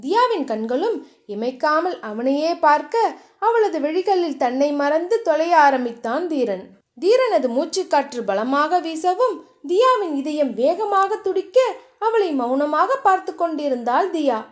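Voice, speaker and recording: A woman narrating a romance novel chapter in a steady storytelling manner. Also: high-pitched, measured pace. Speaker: audiobook narrator.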